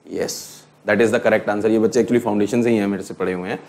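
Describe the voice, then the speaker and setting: A middle-aged man with an Indian English accent teaching an accounting class, mixing Hindi and English, putting questions to students and slowly dictating definitions. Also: on the low side, steady tone, darkish tone. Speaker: accounting lecturer. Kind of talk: classroom lecture.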